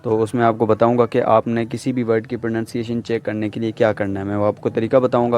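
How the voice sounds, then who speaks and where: A man giving a casual pronunciation lesson, explaining in Urdu-Hindi and slowing down to say English example words carefully in a British-style accent that drops the final R. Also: medium pitch, a little mellow, a little hiss or hum. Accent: British-style non-rhotic English.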